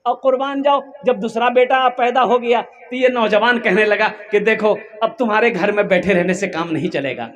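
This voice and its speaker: Man, high voice, Kolkata Hindi-Urdu accent, preacher, storytelling sermon, animated, dramatic pitch swings. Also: normal speed, hardly any pauses, a little hiss or hum. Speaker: Islamic preacher.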